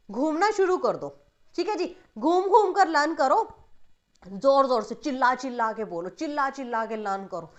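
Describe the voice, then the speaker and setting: A woman's voice: high voice, lo-fi sound. A young woman giving a motivational study lesson to students, talking to them directly and mixing English terms into her Hindi. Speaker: study coach.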